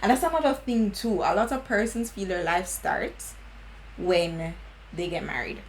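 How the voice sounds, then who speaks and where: A woman's voice: medium pitch, normal speed, a little hiss or hum, rough recording. Jamaican woman in her twenties chatting. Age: 20s. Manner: earnest, laughing, slips into patois. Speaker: beauty vlogger. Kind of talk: casual chat.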